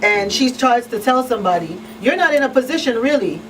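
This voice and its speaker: With a fairly bright, higher-pitched voice and lively intonation, this talk show host and crisis counselor speaks a little fast from her radio studio. She is chatty and emphatic, repeating phrases for effect, captured on a slightly distant mic in a noisy room.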